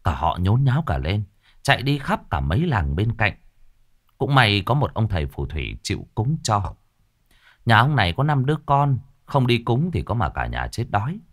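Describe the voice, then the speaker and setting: A man narrating a Vietnamese village ghost story in a vivid, expressive storytelling manner. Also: fairly low pitch, moderate pace.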